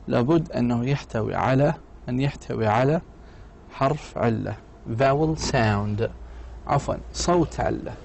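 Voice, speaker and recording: A man giving a university English lecture, explaining slowly in Arabic and sounding out English example words. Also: medium pitch, vocal fry, a little mellow, slight background noise. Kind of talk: distance-learning lecture.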